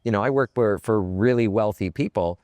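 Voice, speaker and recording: A male podcast host with a very low, smooth and resonant voice, speaking thoughtfully and feeling his way through each point. The recording is close and dry. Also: fairly quick, darkish tone, no room sound. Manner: reflective, hesitant, many "you know"s. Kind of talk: casual podcast conversation.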